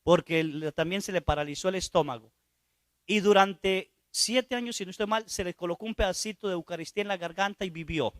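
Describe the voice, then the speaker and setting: A priest with a high, bright voice preaches a sermon as a story, stopping now and then to ask the listeners questions. The sound is dry and close. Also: male voice, fairly quick, no room sound. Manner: storytelling, asks the audience questions.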